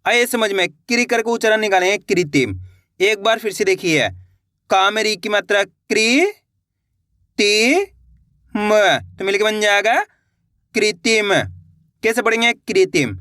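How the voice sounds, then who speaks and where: A man's voice: sits high, fairly even intonation, normal speed, pushed and bright, no echo, clean studio sound. A man teaching Hindi reading, sounding words out syllable by syllable, blending them, and checking that his viewers follow. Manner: addresses viewers as friends, checks understanding. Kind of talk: step-by-step phonics lesson.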